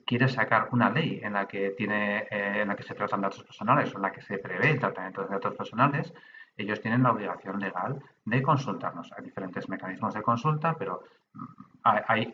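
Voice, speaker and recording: Calling in remotely from his room, a middle-aged podcast guest from the Basque Country in Spain, who works as a data protection official, talks things through conversationally, hesitating and restarting often. His lowish voice has a sharp tone, and the muffled audio carries a little hiss or hum.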